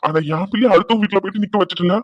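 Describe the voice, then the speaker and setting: Man doing a protective cartoon dad, high voice, fast, ready to tell off the son-in-law. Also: no echo, dull audio. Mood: angry. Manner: soothing to his daughter, scolding the husband. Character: protective older father, fierce toward his son-in-law.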